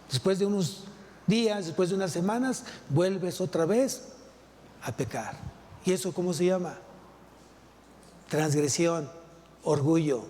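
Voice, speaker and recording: A man's voice: on the high side, mellow, a little hiss or hum. Preaching man in a reverberant church. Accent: Mexican Spanish. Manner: rhetorical questions, repeats key phrases. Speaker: pastor. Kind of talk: sermon. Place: large church hall. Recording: long hall reverb.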